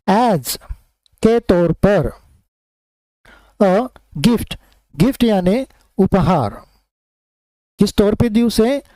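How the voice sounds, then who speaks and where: A man teaching a spoken English lesson, reading English sentences slowly and deliberately, then explaining them quickly in Hindi. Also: sits high, warm tone, dry recording, rough recording.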